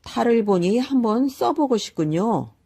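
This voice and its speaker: A woman's voice: lively intonation, a little slow, warm tone, husky, heavily acted. A woman voicing a lazy young man who has been turned into an ox, speaking in a raised, pleading voice. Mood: curious. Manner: high, pleading, panicky exclamations.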